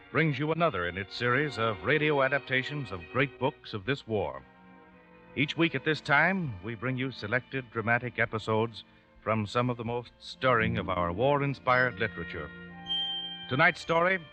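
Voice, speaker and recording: A man announcing a war drama in a grave, formal, measured 1940s radio broadcast style. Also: medium pitch, pushed and bright. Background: music.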